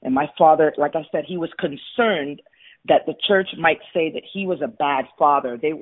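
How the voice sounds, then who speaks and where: This interview guest is a woman in her forties from Florida whose voice sits low and moves at normal speed. She tells her life story earnestly and candidly, heard through a tinny line that sounds like a phone.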